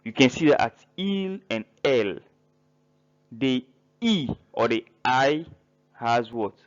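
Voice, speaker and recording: Slow, careful male language teacher. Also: medium pitch, lively intonation, lo-fi sound. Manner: spells words out letter by letter, pauses between listed verbs. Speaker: French teacher. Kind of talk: slow grammar lesson narration.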